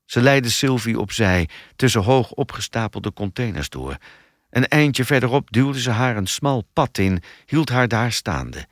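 Man reading a thriller aloud, expressive. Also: mid-range voice, a little slow, no echo, clean studio sound. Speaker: narrator. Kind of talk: audiobook thriller narration.

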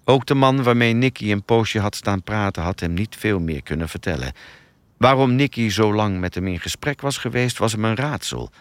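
A man narrating a thriller audiobook with an expressive, dramatic reading. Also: on the low side, moderate pace, dry recording.

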